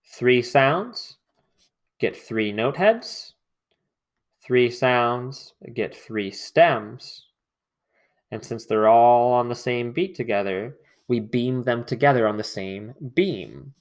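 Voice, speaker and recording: Slow, patient male music teacher. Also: medium pitch, animated. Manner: slow, patient explaining with sung syllables. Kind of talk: online music lesson.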